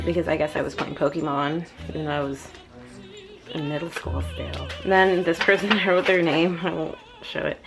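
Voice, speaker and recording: A woman's voice: low voice, creaky. A young woman chatting casually and reading aloud in an embarrassed, self-mocking way, recorded indoors in a small room. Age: young adult. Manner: casual, sweary. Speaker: vlogger. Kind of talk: casual chat and reading aloud from own diary.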